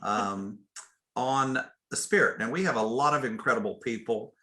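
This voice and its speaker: A man who is a chaplain hosting an interview over a video call, speaking in an admiring, slightly halting way. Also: mid-range voice, pushed and bright, reverberant. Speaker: host, chaplain.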